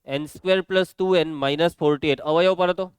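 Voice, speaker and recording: A man teaching a maths lesson, walking students briskly through each step. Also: a little high, steady tone, clean tone, no echo.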